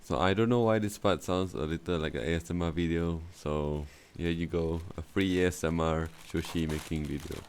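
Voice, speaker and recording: A man's voice: low voice, a little fast, hardly any pauses, slight background noise. A man giving a chatty voice-over for his cooking vlog, explaining each step. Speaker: cooking vlogger. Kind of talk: casual voice-over narration. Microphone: voice-over recorded separately from the footage.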